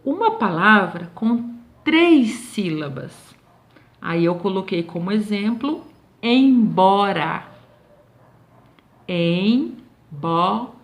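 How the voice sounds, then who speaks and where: Slow, patient Brazilian teacher woman. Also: mid-range voice, big pitch swings. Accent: Brazilian Portuguese. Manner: patient, slow and drawn out, checks in constantly with "tá bom?". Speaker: schoolteacher. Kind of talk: recorded remote lesson correcting homework.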